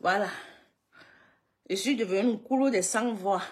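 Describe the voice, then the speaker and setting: A woman's voice: medium pitch, moderate pace, husky. A woman hosting a casual live stream, greeting viewers one by one, repeating herself and laughing often between lines.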